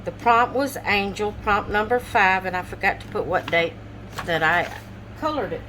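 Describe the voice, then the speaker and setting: A woman's voice: mid-range voice, normal speed, bright, forceful tone, slight background noise, rough recording. A woman chatting casually to her camera at home about her coloring pages, drowsy and yawning, apologizing and trailing off mid-sentence. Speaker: vlogger showing coloring pages.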